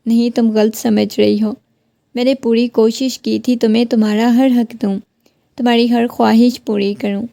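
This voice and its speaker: A woman's voice: on the high side, level tone, gravelly, dark tone, dry recording. A woman reading the lines of a stern, defensive young husband in a firm, reasoning voice.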